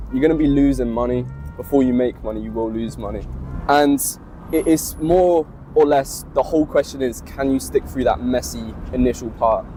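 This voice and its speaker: A man speaks in a calm, measured way, his voice warm and mellow. He explains his thinking reflectively rather than pushing hard. Soft music plays faintly behind him. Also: mid-range voice. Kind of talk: reflective motivational talk.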